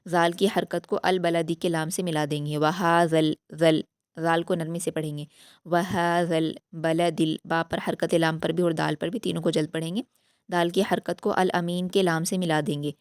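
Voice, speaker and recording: A woman teaching Quran recitation in a slow step-by-step lesson, patiently explaining each rule and then reciting the words slowly. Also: on the low side, fairly even intonation, no echo, clean studio sound.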